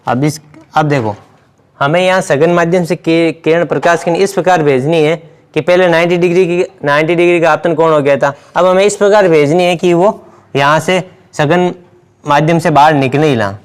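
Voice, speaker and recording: A man teaching a science class at the board, his voice fairly high and clean. He explains step by step and repeats each key term while he writes. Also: moderate pace, clean tone. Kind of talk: blackboard lesson.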